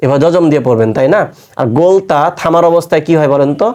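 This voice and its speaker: A man teaching Quran recitation, spelling out letters and marks and then chanting each joined word in a long, drawn-out tone. He asks his listeners questions and answers them himself. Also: on the high side, mellow. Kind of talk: step-by-step recitation lesson.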